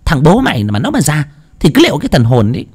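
Sharp-tongued village aunt, shrill and very high, played by a man. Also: very animated, heavily acted. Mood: scolding. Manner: scolding, nagging, rapid-fire.

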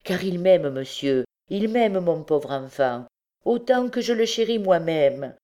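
A woman's voice: fairly low pitch, expressive, measured pace, dark tone. A woman reading aloud, voicing a desperate mother who pleads fervently, her voice raised above her usual tone. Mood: pleading. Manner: fervent, imploring. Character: desperate pleading peasant mother, middle-aged.

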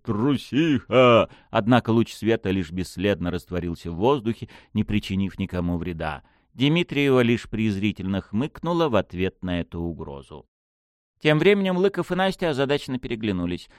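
A man narrating a fantasy audiobook in an even, dramatic storytelling manner. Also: on the low side, a little fast, no room sound, clean studio sound.

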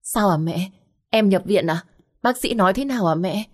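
A woman's voice: mid-range voice, normal speed, slightly rough, natural voice. Storybook lead: a polite young woman in distress, urgent and respectful, read by a woman. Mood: anxious. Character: worried, polite young waitress heroine.

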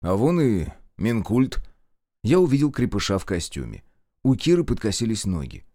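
Expressive male horror narrator. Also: lowish voice, normal speed, dry recording, studio quality.

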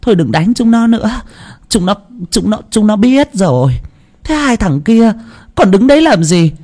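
A man voicing a soft-hearted, fussing elderly grandmother in a storybook tale. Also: very animated, normal speed. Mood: coaxing. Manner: scolding, coaxing, high-pitched.

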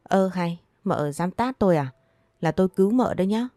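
A woman's voice: lowish voice, lively intonation, normal speed, warm tone, no echo, clean studio sound, close to an everyday voice. A woman voicing a cold, stern young master, a male doctor, speaking in a curt, commanding way. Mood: indignant.

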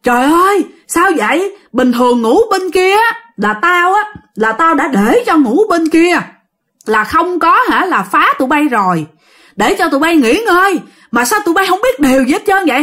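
A woman voicing the angry ghost of an older male soldier, scolding in a gruff, rising voice. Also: very high-pitched, a bit bright, voice pushed up.

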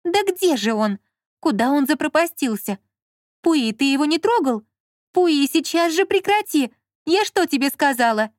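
A woman reading an audiobook, voicing a bossy, sharp-tongued young woman who talks with mocking emphasis. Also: high voice, animated, normal speed, dry recording, clean studio sound, pitched above the performer's own voice.

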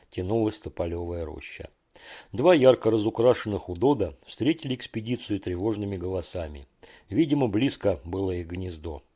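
A man reading a children's story aloud with calm, even storytelling. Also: on the low side, husky. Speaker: narrator.

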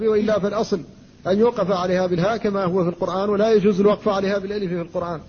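A man with a high, mellow voice lectures on Quran recitation in a measured, teacherly way, slowing down to recite verses. The recording is dull and lo-fi, with a faint hiss of noise underneath. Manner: measured teaching, recites verses slowly, pauses to answer students. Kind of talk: classroom lecture explaining a poem.

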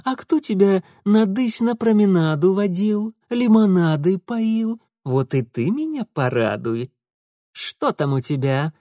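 A man's voice: high voice, expressive, measured pace, mellow, no room sound, pitched above the performer's own voice. A man voicing a cruel, mocking male street thug who talks in folksy slang, in a dry-sounding audiobook reading. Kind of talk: audiobook character voice.

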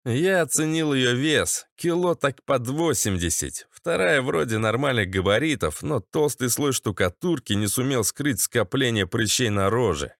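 A man's voice: medium pitch, animated, a little slow, creaky, few pauses, dry recording, studio quality. A man narrating a gritty first-person audiobook in a tense, sardonic manner.

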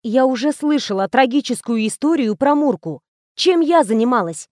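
High-voiced woman narrating a novel. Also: expressive, moderate pace, a little mellow, no echo, studio quality. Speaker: audiobook narrator. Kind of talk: first-person audiobook narration.

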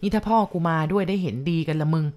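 A woman's voice: lowish voice, fast talker, mellow, lightly acted. A woman voicing a frightened young man who mutters in a shaky voice. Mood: shaken. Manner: trembling, muttering.

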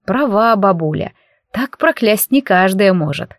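A woman's voice: medium pitch, expressive, measured pace, no echo, clean studio sound. A woman narrating a comic fantasy audiobook in first person, with a wry, ironic manner.

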